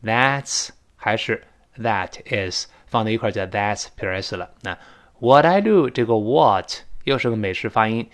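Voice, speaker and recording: A man teaching spoken English in Chinese, explaining pronunciation and acting out sounds and sighs. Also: on the low side. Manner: lively, demonstrates pronunciation with drawn-out sounds. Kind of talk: spoken English lesson podcast.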